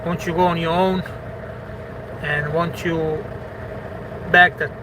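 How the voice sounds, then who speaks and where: A man's voice: fairly high pitch, flat delivery, slow pace, background noise. A man, a truck driver chatting casually with his livestream viewers and circling back over his words with many "you know"s. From Bosnia. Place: parked truck at a truck stop.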